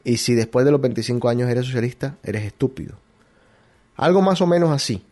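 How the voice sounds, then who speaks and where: A man's voice: mid-range voice, animated, brisk, darkish tone. Rambling Colombian man hosting a show. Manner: rambling, hesitant, with many restarts. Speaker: radio show host. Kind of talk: casual opinion monologue.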